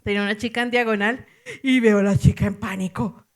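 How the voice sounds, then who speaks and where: A middle-aged woman pastor with a Colombian accent, telling a story in a sermon, animated and laughing with exclamations. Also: medium pitch, brisk.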